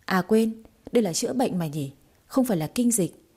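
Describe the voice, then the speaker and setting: Woman reader doing a cheeky young fortune-teller girl, brash and chatty, quick mellow voice. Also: mid-range voice, lively intonation, slightly rough. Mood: instructive. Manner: brash, chattering, self-mocking.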